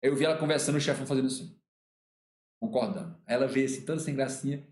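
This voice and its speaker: A man's voice: medium pitch, very fast, darkish tone. A man with a Brazilian Portuguese accent, a law teacher, tells a personal anecdote in a colloquial way, acting out the dialogue and repeating words. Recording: roomy echo.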